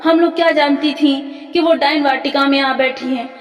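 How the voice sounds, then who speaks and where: A woman's voice: high-pitched, big pitch swings, normal speed. A woman voicing gossiping, frightened village women in a storybook reading, in an echoey hall from afar. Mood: alarmed. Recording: echoey hall from far off, faint music.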